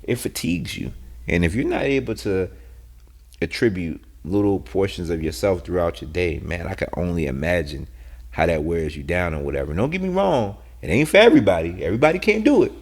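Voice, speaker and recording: A man with a deep, low voice co-hosts a casual podcast talk. He asks probing questions and speaks to listeners earnestly and directly. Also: sing-song, brisk, vocal fry, breathy edge. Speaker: podcast co-host. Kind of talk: casual discussion.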